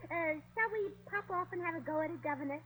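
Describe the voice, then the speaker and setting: A very high voice, a fast talker with a fairly bright tone, heard over slight background noise in a low-quality recording. This woman portrays a giddy American wife, scatterbrained and faking posh Englishness, her chirpy, muddled slang including "blimey" and "governor" in the manner of 1940s radio comedy.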